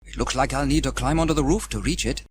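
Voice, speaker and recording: A man's voice: mid-range voice, fast, slight background noise, lightly acted. A man voicing a cheerful, confident young village fireman in a children's storybook, chirpy and hearty.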